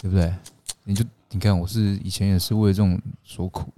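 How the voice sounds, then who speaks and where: A man's voice: low-pitched, level tone, brisk, mellow. A man with a Taiwanese accent chatting casually as a panelist on a talk show. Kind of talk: casual chat.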